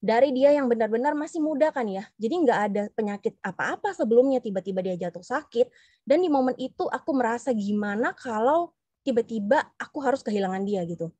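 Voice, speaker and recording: A woman's voice: fairly high pitch, lively intonation, fairly quick, warm tone, no echo. A woman in her thirties from South Sulawesi telling her personal story in an earnest, heartfelt way. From South Sulawesi, Indonesia. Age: 30s. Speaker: business presenter, stay-at-home mom. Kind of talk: personal testimonial talk.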